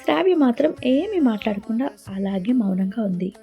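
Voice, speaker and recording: A woman narrating a romance audio story in a steady, dramatic storytelling manner. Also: on the high side, normal speed, gravelly. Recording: dull lo-fi with faint music.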